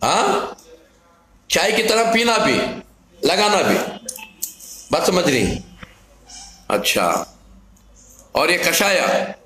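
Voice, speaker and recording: A man explains home remedies as a herbal healer, talking slowly in a fairly high voice. He repeats each step plainly, and the room gives his voice a roomy echo. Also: sing-song, sharp tone. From Karnataka, India. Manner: repetitive, plain step-by-step instructions.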